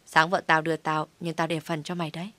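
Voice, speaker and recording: A woman voicing a worried, loyal young man who chatters fast and frets about his friend. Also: sits low, little pitch movement, bright, forceful tone, dry recording.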